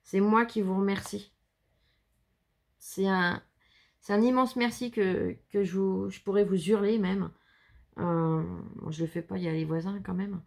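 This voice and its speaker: A woman's voice: mid-range voice, fairly even intonation, a little slow, creaky, darkish tone. A woman from France, hosting a casual show-and-tell of handmade cards at home, chatty and gushing as she talks to her viewers. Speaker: scrapbooking channel host.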